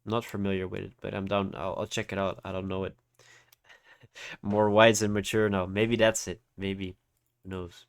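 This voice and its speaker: This livestream trading teacher has a deep, smooth voice that moves little in pitch, delivered at a moderate pace. Hay fever leaves him congested as he runs a casual live tutorial in voice-over. He explains things informally and keeps checking that his audience follows.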